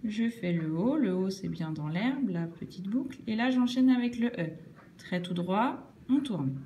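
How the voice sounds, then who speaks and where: A woman teaching children cursive handwriting, explaining each stroke slowly and patiently, step by step. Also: mid-range voice, animated, mellow, slight background noise.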